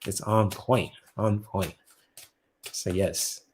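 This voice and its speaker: A deep-voiced man hosts a tarot reading live stream in a loose, chatty way. He laughs often, swears casually and repeats himself as he talks to his viewers. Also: fairly even intonation, slow pace, slight background noise.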